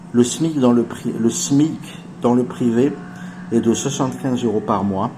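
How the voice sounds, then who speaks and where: A man in his forties narrates over footage in a warm, dark voice. He talks earnestly and persuasively, like a salesman rallying a close circle of friends, while soft music plays faintly underneath. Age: 40s. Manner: earnest persuasive sales pitch, addresses viewers as family. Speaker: channel host pitching an investment project.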